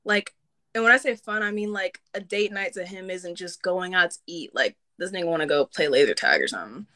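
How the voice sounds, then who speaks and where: Bright-voiced young woman chatting candidly. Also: on the low side, animated. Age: young adult. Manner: candid, swears freely, quick bursts of talk. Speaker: livestream host. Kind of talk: casual live-stream chat.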